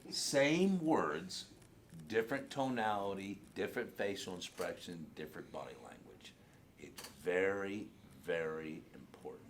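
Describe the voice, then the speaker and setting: A man's voice: low voice, lively intonation, a little slow, a little hiss or hum. A man giving a blunt, profane sales training talk to a group in a training room.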